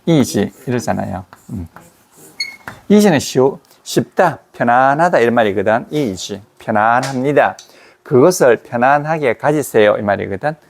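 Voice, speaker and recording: Gravelly-voiced man teaching pronunciation. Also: medium pitch, expressive, a little hiss or hum. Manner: repeats example words slowly, drawn out. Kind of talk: explaining and demonstrating pronunciation.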